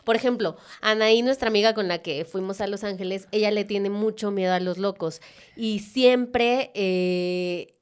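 A woman's voice: medium pitch, fairly even intonation, a little slow, clear, resonant tone. A woman, chatting casually as a co-host, often chiming in and finishing sentences. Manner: chimes in and finishes others' sentences. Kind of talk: casual chat.

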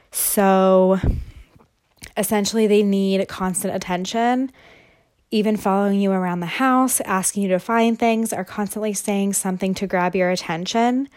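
A young woman hosts a casual podcast monologue in a mid-range, slightly mellow voice. She talks loosely with lots of fillers, and her heavy breathing is clearly audible.

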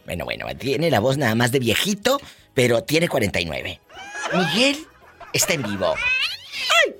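A man's voice: medium pitch, wildly swooping pitch, normal speed, over a noisy crowd. A Mexican man hosting a talk show, playful and theatrical, repeating his phrases with emphasis. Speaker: show host.

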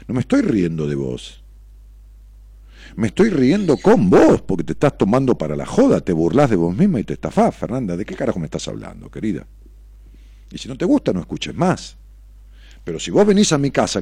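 Argentine guy on a radio show, gravelly low voice, mellow dark tone, snarky and swearing a lot. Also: dry recording. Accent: Rioplatense Argentine Spanish. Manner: sarcastic, provocative, swears freely. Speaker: radio host answering listener messages. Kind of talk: blunt on-air commentary reading messages.

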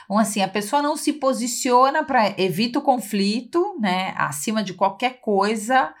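A woman's voice: on the high side, animated, normal speed. A woman with a Brazilian Portuguese accent, co-hosting a podcast and explaining ideas in casual chat. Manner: explains with many "né?" tags and acted examples. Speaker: podcast co-host.

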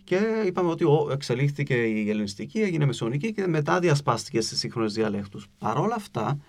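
A man's voice: mid-range voice, very animated. Cypriot man explaining patiently. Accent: Cypriot Greek. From Cyprus. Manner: patient, explains with spoken examples, many filler "e" sounds. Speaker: linguist guest. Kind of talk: explanatory interview answers.

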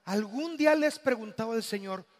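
A man with a Mexican accent preaching a sermon as pastor, swinging between loud, dramatic passages and hushed, quiet ones. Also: high-pitched, expressive, brisk, in a large hall. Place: church.

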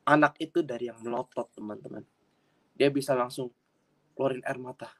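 A man preaching a personal testimony sermon in an earnest way, with sudden loud bursts of emphasis and frequent repetition. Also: mid-range voice, brisk. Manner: addresses audience as friends, repeats himself.

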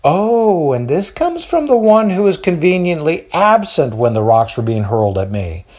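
A man's voice: on the high side, very animated, moderate pace, darkish tone, pitched above the performer's own voice. A man voicing a good-humored traveling apostle who reassures and jokes with his friends. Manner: reassuring, joking.

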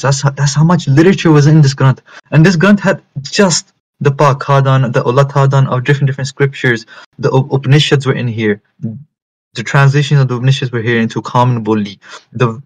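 Man, medium pitch, religious teacher, lecture style, emphatic repetition, mixes into English. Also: rough recording. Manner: repeats and rephrases phrases for emphasis; switches between English and Punjabi. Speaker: religious teacher giving a talk.

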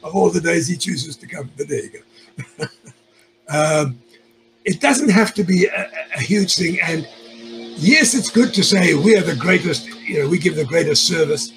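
Gravelly, fairly high-pitched male guest. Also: normal speed, music in the background, poor audio. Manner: storytelling, chuckles often, repeats words when starting sentences. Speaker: guest, sales expert. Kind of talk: conversational interview.

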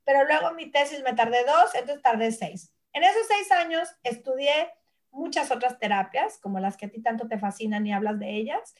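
A woman's voice: a little high, normal speed. A woman in her forties from Mexico, a nutritionist guest telling family stories in casual conversation and acting out relatives' voices. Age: 40s. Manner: animated storyteller who acts out family voices. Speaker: guest, nutritionist and brand founder.

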